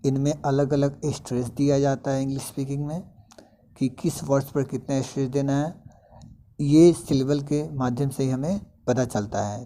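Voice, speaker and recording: Male grammar tutor, mellow dark tone, slow deliberate read-outs of English terms. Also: mid-range voice, rough recording. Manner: reads English definitions slowly, then explains them; repeats example words with careful pronunciation. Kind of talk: bilingual grammar lesson.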